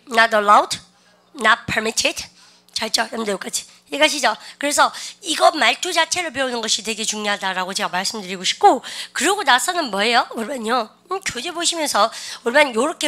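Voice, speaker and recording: Female English teacher, fairly high and bright voice, lecturing and drilling phrases. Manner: rhetorical questions to students, drills phrases for repetition. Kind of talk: online English vocabulary lecture.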